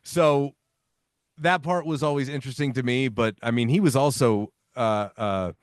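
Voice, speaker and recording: A man, a guest analyst on a sports podcast, giving his opinions in an emphatic way, his pitch rising when he presses a point. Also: moderate pace, clear, resonant tone, no room sound, studio quality. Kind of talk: casual sports podcast chat.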